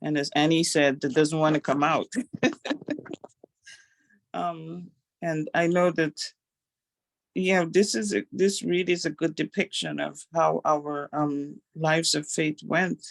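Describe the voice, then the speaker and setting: A woman from Guyana sharing a devotional reflection on a video call, halting and pausing often between phrases. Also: deep voice, level tone, gravelly, no room sound. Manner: halting, with many pauses and fillers.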